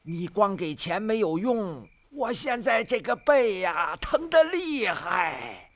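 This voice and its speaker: A man's voice: high-pitched, sing-song, slow, dry recording, full character voice. An actor in a period drama playing a sly, frail old man who groans and whines about his aches and begs for help. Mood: whining. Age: older. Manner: groaning, whining, wheedling.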